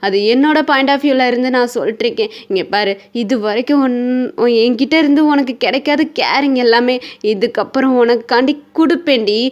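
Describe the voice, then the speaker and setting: A man's voice: very high-pitched, dull audio. A woman voicing a possessive young male kidnapper who keeps pleading with his wife, in an insistent, repetitive way. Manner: insistent, repeating lines over and over.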